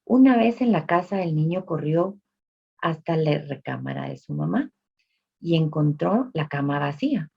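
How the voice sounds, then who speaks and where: A woman telling a religious story to listeners, speaking directly to them with dramatic pauses. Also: sits low, animated, gravelly, slightly rough. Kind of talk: emotional spoken storytelling. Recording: dull lo-fi recording.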